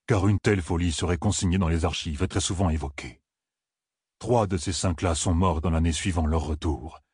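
A man voicing an old giant male Ogier elder, gruff and scholarly, who speaks slowly and gravely with a deep rumbling voice. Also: a little mellow, no room sound, studio quality, heavily acted. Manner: slow, grave and grumbling.

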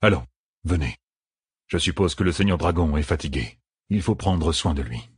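A man voicing a sober, weary soldier who speaks low and hushed, grave in tone, in an audiobook. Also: lively intonation, moderate pace, breathy edge, no room sound, studio quality, exaggerated voice.

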